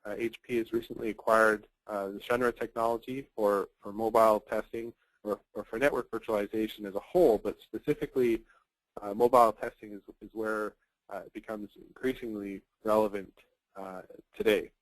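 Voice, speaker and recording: Male webinar presenter, low voice, dry close recording, lots of "uh" and restarts. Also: steady tone, brisk, no room sound, rough recording. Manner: fluent with frequent fillers and repeated words. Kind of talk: technical product webinar.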